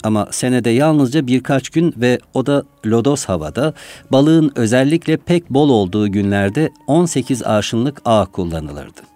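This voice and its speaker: Man reading a memoir, calm and measured. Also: mid-range voice, no room sound. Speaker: narrator. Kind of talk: literary reading of a memoir-style text. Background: faint music.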